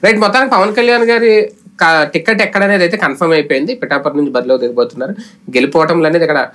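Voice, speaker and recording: A man hosts a rapid political discussion with a fairly high voice, pressing his guest with questions. He keeps the conversation moving with quick hums of agreement. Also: a bit bright. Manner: prompting with frequent hums of assent. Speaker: political talk show host.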